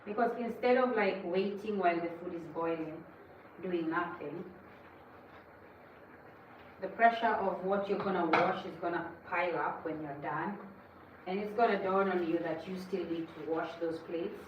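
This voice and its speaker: A woman's voice: lowish voice, moderate pace, highs cut off, a little hiss or hum. A woman hosting a cooking livestream, chatting casually and lecturing viewers as she cooks. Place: home kitchen. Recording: echoey kitchen, mic at a distance.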